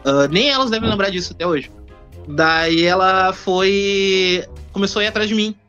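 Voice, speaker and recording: A man, telling a childhood anecdote in a casual podcast chat, in a chatty, halting way. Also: high voice, pushed and bright, clean tone. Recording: dull recording with faint music.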